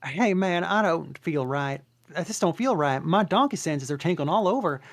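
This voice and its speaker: Performer reading a jittery talkative donkey, fretful, jokey, rapid-fire. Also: medium pitch, animated, close to an everyday voice. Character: chatty anxious male donkey sidekick. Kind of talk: table read.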